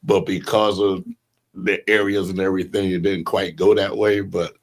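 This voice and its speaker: Older man with a low voice, reminiscing. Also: level tone. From Southern United States. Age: 70s. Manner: storytelling, unhurried, chuckles now and then. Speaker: guest. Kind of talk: reminiscing interview talk.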